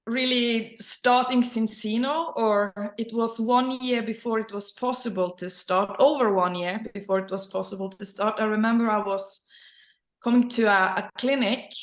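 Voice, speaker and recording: A middle-aged company leader, a Norwegian native speaker, tells personal stories casually in Norwegian-accented English as an interview guest, sometimes halting to find words. Her voice is fairly high and steady in tone, and the recording has a roomy echo.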